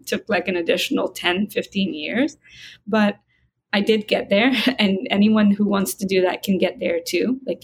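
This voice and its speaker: A woman guest in an interview, talking in a calm, reflective way. She lets her words slow down when she stresses a point. A faint noise sits under the recording. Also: mid-range voice. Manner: calm, reflective, slows down for emphasis. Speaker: spiritual guide and interview guest. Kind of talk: conversational interview.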